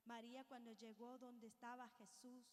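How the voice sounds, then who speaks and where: A woman's voice: fairly high pitch, little pitch movement, normal speed, big-room sound. A woman preacher reading scripture and giving an earnest, reflective sermon to her congregation. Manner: reflective, earnest, addresses listeners as brothers and sisters.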